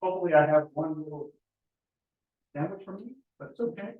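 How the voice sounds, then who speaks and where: High-voiced guy running a team meeting, jokey and upbeat, roomy far-off dull audio. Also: brisk. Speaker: meeting emcee. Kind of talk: casual meeting hosting. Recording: roomy, distant, dull sound.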